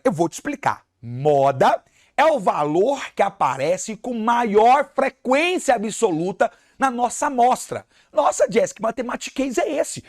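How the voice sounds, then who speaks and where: Brazilian math teacher, patient step-by-step explainer, animated delivery. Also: mid-range voice. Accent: Brazilian Portuguese. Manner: reads the problem aloud then explains it step by step, calls students "galerinha". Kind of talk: exam-review lesson reading out a question.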